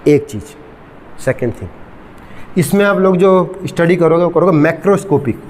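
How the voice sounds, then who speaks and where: A middle-aged man teaching a physics class, mixing English terms into his lecture, regularly checking whether students follow, and slowly dictating definitions. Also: fairly high pitch, expressive, darkish tone, in a large hall, a little hiss or hum. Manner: asks students frequent check questions, mixes English terms.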